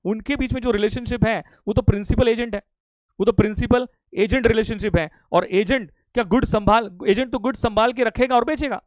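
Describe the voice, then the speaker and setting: High-voiced Indian teacher drilling students. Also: male voice, no echo. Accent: Indian English. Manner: drilling repetition, urging quick answers. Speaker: accounting teacher. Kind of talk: live online lecture.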